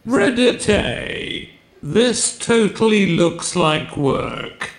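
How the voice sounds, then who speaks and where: A man's voice: high voice, animated, extremely slow, heavily acted. A text-to-speech male voice playing a cheeky, judgmental browser chatbot that teases the user sarcastically. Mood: teasing. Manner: sarcastic, teasing. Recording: echoey, played over hall speakers.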